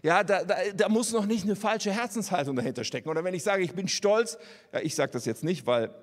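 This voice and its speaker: A man's voice: high voice, lively intonation, fairly quick, long reverb tail. A man preaching a sermon in an earnest, conversational way, speaking directly to his listeners.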